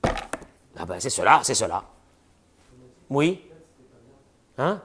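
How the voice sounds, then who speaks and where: Speaking extremely slowly in a mid-range voice, a rabbi gives a religious lesson over slight background noise. His delivery is animated: he asks rhetorical questions and voices the imagined people in his teaching.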